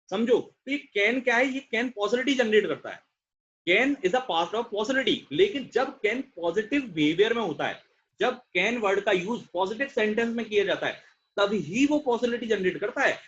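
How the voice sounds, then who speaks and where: Young male tutor, high voice, chatty lecturing with rhetorical questions and English terms mixed in, dull lo-fi recording. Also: fairly bright tone. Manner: mixes English terms into his explanations. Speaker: reasoning teacher. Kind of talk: online exam-prep lecture. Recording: dull lo-fi audio.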